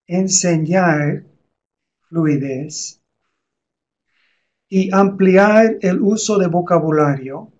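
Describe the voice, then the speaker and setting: Slow, high-voiced man teaching a lesson. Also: a little mellow. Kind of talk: explanatory lesson on teaching reading.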